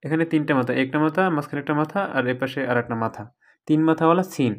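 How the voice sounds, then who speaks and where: Man teaching letter sounds slowly. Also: fairly high pitch, fairly even intonation. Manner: explains patiently, drawing out letter sounds slowly as examples. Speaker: Quran reading teacher. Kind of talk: recorded online lesson.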